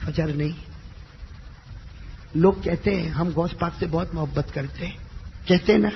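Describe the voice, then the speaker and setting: A male preacher giving an emotional sermon, swinging from hushed talk to shouting and calling on the crowd to answer back. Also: fairly high pitch, creaky, in a large hall, highs cut off, a little hiss or hum.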